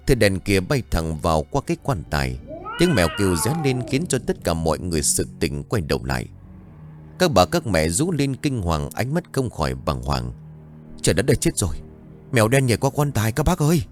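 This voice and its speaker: A man narrating a horror story in a dramatic, suspenseful way. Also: low-pitched.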